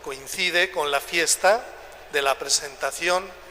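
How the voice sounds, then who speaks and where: A male priest reading scripture and preaching at Mass in an echoing church, speaking in measured short phrases with pauses. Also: a little high, bright, forceful tone. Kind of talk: liturgical Gospel reading and homily. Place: large reverberant church, public address during Mass. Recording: echoing church with long reverb, background noise.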